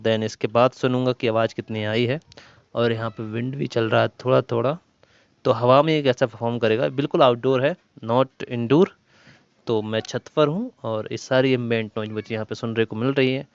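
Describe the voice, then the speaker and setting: Here a tech reviewer runs an informal product test for viewers, laying out each step and circling back over key points. His medium-pitched voice is smooth. The recording is muffled and amateur, with surrounding noise audible.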